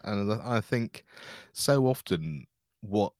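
Bloke hosting a chat show, lowish voice, dry close sound, rambly and affirming. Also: male voice, animated, slow, darkish tone, no room sound. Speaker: interview show host. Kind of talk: conversational, reflective interviewing.

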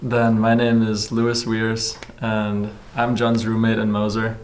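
A man's voice: on the low side, monotone, a little slow, a little mellow, slight background noise. A teenage boy from Germany introducing himself plainly in an interview. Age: teens. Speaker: student guest.

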